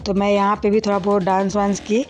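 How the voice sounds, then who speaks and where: Heavy background noise surrounds a young woman's casual voice-over for her wedding video, in which she chats to viewers as friends with many fillers. Her voice is medium-pitched, level, and a little fast.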